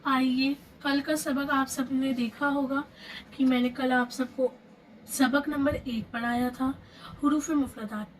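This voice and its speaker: A woman teaching a Quran reading lesson step by step, patiently repeating terms and slowing down on key phrases. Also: high-pitched, steady tone, far from the mic, slight background noise, poor audio. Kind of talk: online lesson, explaining step by step.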